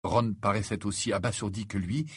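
A man narrating an audiobook with an expressive storytelling delivery. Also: fairly low pitch, moderate pace, husky, no echo, studio quality. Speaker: audiobook reader.

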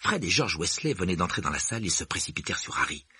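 Man reading a story, raspy and bright. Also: low-pitched, fast talker, no echo. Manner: expressive, does character voices. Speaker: audiobook reader. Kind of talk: scripted story narration.

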